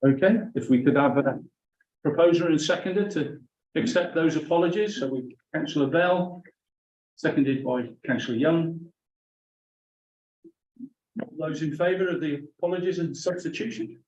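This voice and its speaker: A man's voice: on the high side, moderate pace, long pauses, darkish tone. A man chairing a formal council meeting, courteously taking it through procedure item by item, recorded in a meeting room. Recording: roomy, distant, dull meeting-room recording.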